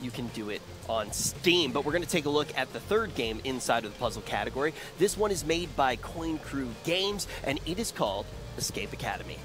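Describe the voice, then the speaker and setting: A man's voice: mid-range voice, animated, brisk, hardly any pauses, over music. A man co-hosting a live games showcase, announcing the next entries in presenter style. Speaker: showcase co-host.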